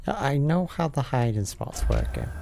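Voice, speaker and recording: A man's voice: mid-range voice, wildly swooping pitch, moderate pace, creaky. A man casually commentating while playing a horror game, rambling and easily startled. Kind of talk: casual let's-play commentary. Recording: game music loud behind him.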